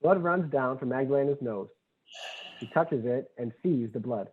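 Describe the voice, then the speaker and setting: At a table read, a man reads screenplay stage directions aloud as scripted narration. His mid-range voice is animated and moves at a moderate pace, though the audio sounds tinny, like a phone.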